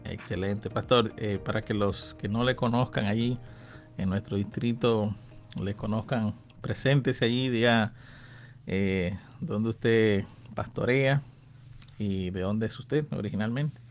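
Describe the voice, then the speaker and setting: A man's voice: lowish voice, measured pace, soft background music. Chatty man in his thirties hosting. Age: 30s. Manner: friendly, chatty, laughs often. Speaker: radio host and pastor. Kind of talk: casual radio Bible-lesson talk.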